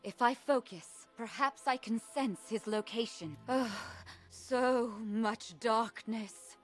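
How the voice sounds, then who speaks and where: A woman voicing a noble, solemn fairy leader in a fantasy game, measured, dramatic and grave. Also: a little high. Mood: troubled, dramatic. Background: music.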